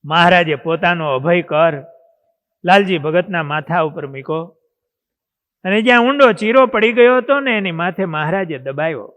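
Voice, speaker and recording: High, bright-voiced male monk preacher. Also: expressive, moderate pace. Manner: dramatic, swings in loudness. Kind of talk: devotional storytelling sermon. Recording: long hall reverb.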